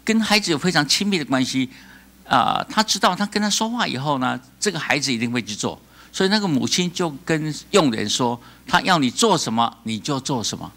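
Bright-voiced Taiwanese pastor preaching. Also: male voice, on the high side, a little fast. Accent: Taiwanese Mandarin. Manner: animated, asks the congregation call-and-response questions; laughs often between remarks. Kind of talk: sermon.

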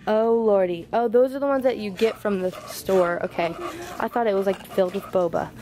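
A woman's voice: medium pitch, a little fast, warm tone, a little hiss or hum. A young woman vlogging casually in a large supermarket on a handheld camera, chatty and easily grossed out. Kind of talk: casual vlog chat.

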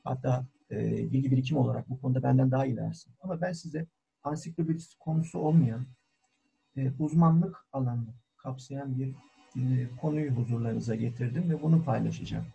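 A man who is a cultural historian giving a formal online talk, deliberate and full of hesitant fillers, heard over call audio. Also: medium pitch, gravelly, dark tone, breathy edge, highs cut off. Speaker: guest lecturer, cultural historian. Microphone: video call.

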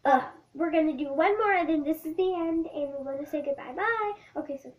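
Kid girl vlogger, high bright voice, giggly, casual challenge chat. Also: brisk, highs cut off. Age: child. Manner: giggly, counting down playfully.

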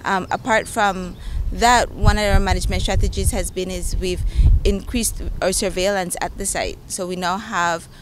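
A woman's voice: mid-range voice, fairly even intonation, moderate pace, poor audio. Woman interviewed outdoors, faint background noise. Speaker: marine reserve manager being interviewed. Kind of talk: on-camera interview, explanatory. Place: outdoors by open water. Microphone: handheld interview microphone.

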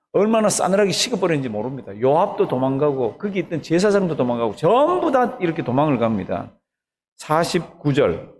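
A man's voice: a little high, darkish tone. A man, a pastor, preaching an early morning sermon, retelling the story animatedly and asking the congregation questions.

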